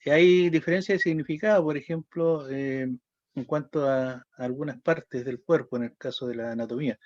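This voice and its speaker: A man's voice: a little high, normal speed, darkish tone, no room sound, muffled recording. A man with a Chilean accent giving a school lesson, explaining step by step and checking in with "¿ya?" and hesitant "eh" sounds. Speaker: teacher. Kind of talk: lecturing a class.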